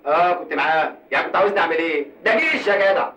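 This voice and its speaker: An actor playing a cowardly, joking working-class Cairo man with an Egyptian Arabic accent and rapid streetwise banter. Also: fairly high pitch, lively intonation, pushed and bright. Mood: defensive joking. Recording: echoey film sound, mic far off.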